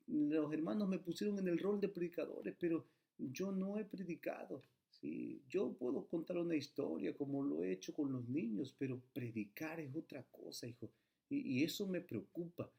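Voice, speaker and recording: A man's voice: mid-range voice, darkish tone. A man giving an earnest sermon-style training talk to church leaders, with emphatic rising phrases and frequent tag questions.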